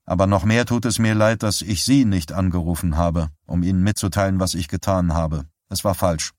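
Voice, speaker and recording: A man voicing an older male doctor who talks in an earnest, halting, apologetic way. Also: low-pitched, a little mellow, dry recording, clean studio sound, close to an everyday voice. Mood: earnest, troubled.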